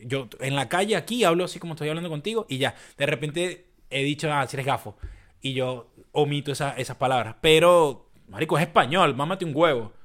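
A young man with a Venezuelan accent co-hosting a casual podcast, telling stories with animated impressions, laughing and swearing a lot. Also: mid-range voice. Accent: Venezuelan Spanish. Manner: animated storytelling, mimics others in raised voice; swears freely, laughs often. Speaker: podcast co-host. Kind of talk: casual chat.

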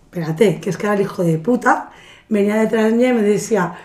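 A podcast guest shares travel stories in a relaxed chat, swearing freely and slipping into the voices of the people she quotes. She talks fast, with a medium-pitched, mellow, warm voice that the echoey room gives a roomy ring.

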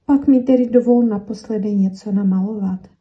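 A woman voicing a small, frightened wooden pencil that begs a mouse to let it go, speaking higher and louder as it pleads. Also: fairly quick, slightly rough, lo-fi sound, close to an everyday voice. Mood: pleading.

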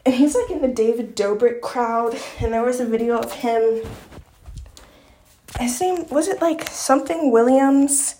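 Here a young Long Island, New York woman rambles through a laid-back vlog chat, stuffing it with fillers. Her higher-pitched voice is warm and her pace is measured. The room she records in is echoey.

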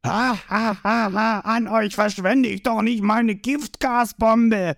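A man voicing a boastful, hot-tempered male pirate boss who shouts and mocks, in a read-aloud manga story. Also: high-pitched, fairly even intonation, takes it slowly, creaky, no echo, studio quality, voice pushed up, full character voice. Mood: blustering. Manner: blustering, shouting, mocking.

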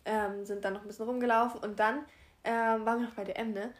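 A woman's voice: on the high side, level tone, fast. A young woman in casual chat, telling stories in a filler-heavy way and acting out what people said, recorded on wireless earbuds. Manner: chatty storytelling, filler-heavy, acts out quotes.

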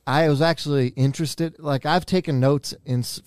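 A man's voice: a little high, steady tone, normal speed, smooth, no room sound, clean studio sound. A young man co-hosting a casual podcast, telling stories in a rambling, self-deprecating way. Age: young adult. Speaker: podcast co-host. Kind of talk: casual chat.

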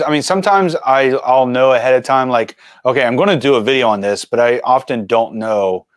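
A man in his forties, a filmmaker and mountain biker, telling stories as a guest in a casual interview with animated, chatty energy. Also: mid-range voice, no echo. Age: 40s.

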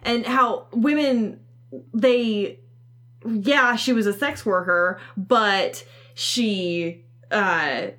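A woman co-hosting a podcast in casual chat, excitable and quick to react with exclamations. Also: medium pitch. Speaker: podcast co-host.

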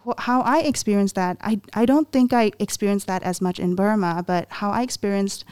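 Woman, twenties, from Myanmar, panel guest, earnest, halting, smooth resonant voice. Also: mid-range voice, darkish tone. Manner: earnest, halting, many restarts. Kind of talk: personal story in a panel talk.

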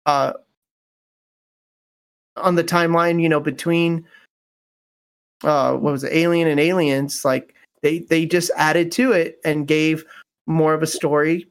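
A man's voice: on the high side, steady tone, measured pace, pauses often, clean tone. A man chatting casually about video games, rambling with lots of fillers and restarts.

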